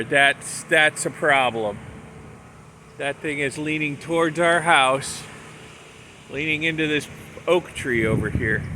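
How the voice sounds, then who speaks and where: A man's voice: medium pitch, pushed and bright. A man casually narrating what he sees around his home, as in a homemade vlog. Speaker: homeowner filming a storm vlog. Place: at a house during and after a storm. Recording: handheld recording with background noise.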